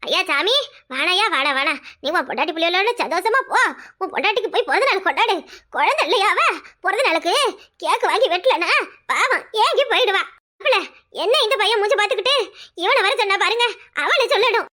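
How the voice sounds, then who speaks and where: A woman's voice: very high voice, lively intonation, fairly quick, bright, forceful tone, exaggerated voice. A woman voicing a wailing old village mother. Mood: lamenting. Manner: wailing, scolding, lamenting. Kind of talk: cartoon comedy voice acting.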